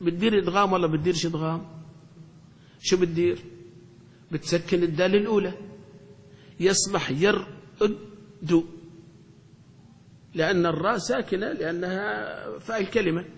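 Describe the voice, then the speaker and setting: A man leads a classroom grammar lesson. His voice sits high, and a long reverb trails off the walls of the hall. He keeps asking questions and repeats the key points. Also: fairly even intonation, quick pace, gravelly, pauses often. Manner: questioning, repeats key phrases, checks students follow. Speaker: sheikh teaching Arabic grammar.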